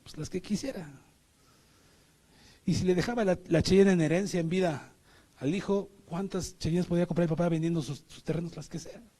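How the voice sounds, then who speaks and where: A man's voice: high voice, moderate pace, dark tone. A middle-aged man with a Mexican Spanish accent preaching a sermon, emphatic, often asking the congregation rhetorical questions.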